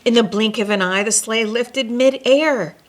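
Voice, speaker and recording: Reading a kids' picture book out loud, this woman uses a fairly high-pitched voice. She plays storyteller and host, full of expression, with dramatic pauses and chatty side comments.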